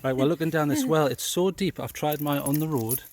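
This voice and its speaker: A man's voice: on the high side, fairly quick, darkish tone. A middle-aged man giving a chatty, joking walking-tour commentary to the camera he holds, outdoors at a castle ruin. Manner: chatty, jokey, talks to camera. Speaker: vlogger. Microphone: camera held by the speaker.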